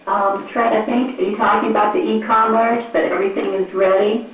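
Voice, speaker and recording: A woman's voice: mid-range voice, steady tone, fairly quick, highs cut off, soft background music. A woman taking part in an online conference, speaking hesitantly and checking that she understood. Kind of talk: casual conference chat. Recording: very echoey, far from mic, faint hiss.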